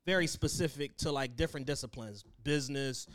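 A man's voice: medium pitch, fairly quick, a bit bright. A man hosting a casual podcast chat. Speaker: podcast host.

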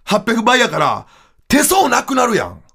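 High-voiced animated Kansai man. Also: normal speed, creaky, husky. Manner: animated, loud, mock-dramatic storytelling. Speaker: comedian storyteller. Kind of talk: absurd comic monologue.

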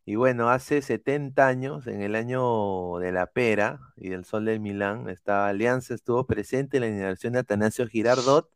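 Smooth-voiced Peruvian stream host. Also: male voice, on the low side, normal speed, hardly any pauses, no room sound, clean studio sound. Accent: Peruvian Spanish. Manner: relaxed, laughs often, greets viewers. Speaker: host of a football live stream. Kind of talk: casual live-stream chat.

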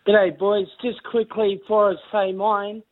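An Australian man calls into a radio show, chatty and blunt. His voice sits high. He comes through a tinny phone line. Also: little pitch movement, measured pace. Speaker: caller.

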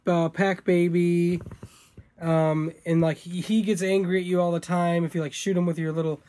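A young man with a noticeably high voice co-hosts a casual podcast chat. He rambles through his stories, leans on fillers, and swears offhandedly. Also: little pitch movement, normal speed, dark tone. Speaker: podcast co-host.

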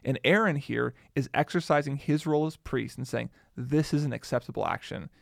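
A man's voice: medium pitch, fairly quick, vocal fry, no room sound, clean studio sound. A man co-hosting a podcast, explaining a Bible passage step by step in casual conversation. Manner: explanatory, laying out the text step by step. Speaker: podcast co-host. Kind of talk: casual Bible study chat.

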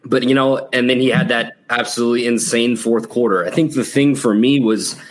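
A man's voice: mid-range voice, steady tone, brisk. A man from the Chicago area chatting casually about sports as a podcaster guest. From Chicago area, United States.

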